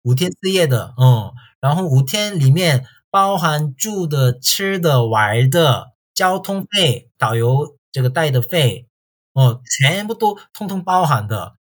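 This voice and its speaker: Speaking Mandarin with a Korean accent, a man from South Korea works as a tour guide and answers interview questions casually, using simple, halting phrases as a non-native speaker. He has a voice on the high side with lively intonation.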